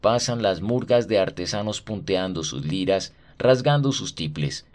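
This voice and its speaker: A man narrates a short story for radio with a low voice. His reading is dramatic and expressive, shaping each scene with steady care. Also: a little slow.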